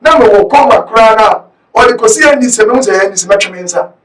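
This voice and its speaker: A man with a Ghanaian English accent delivers impassioned political commentary, his voice pitched very high with a sharp, bright edge. He shouts often and moves between English and Twi. The recording is roomy and echoey, with the mic set some distance away. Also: a little fast.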